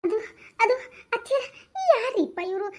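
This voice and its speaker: A woman's voice: very high-pitched, a little slow, darkish tone. A woman playing a frightened old village woman, pleading and stammering through tears.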